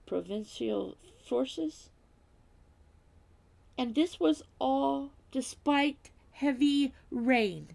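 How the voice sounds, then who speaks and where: Diamond painting at home, a woman vlogs about her craft, reading aloud and poking fun at herself. Her voice sits a little high with vocal fry, sounds slightly congested, and often slips into soft whispers.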